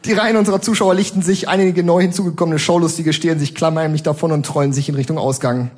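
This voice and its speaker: A man giving a comic stage reading of his own texts, narrating in the first person in a dry, deadpan way. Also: on the high side, quick pace.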